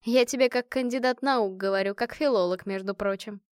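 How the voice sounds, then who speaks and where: A woman voicing a smart woman scholar who talks in an instructive, gently teasing way. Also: mid-range voice, brisk, dry recording, studio quality, close to an everyday voice.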